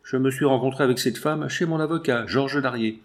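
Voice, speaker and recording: A wealthy middle-aged schemer speaks in a tense, hushed way, urgent and afraid of being found out, as a man reads him aloud. The voice stays close to an ordinary reading voice. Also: mid-range voice, fairly quick, pitched above the performer's own voice, natural voice. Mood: anxious.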